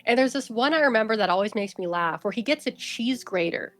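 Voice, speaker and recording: A woman's voice: on the high side, lively intonation, brisk, soft background music. A woman talking casually as a guest on a stream. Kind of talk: casual chat.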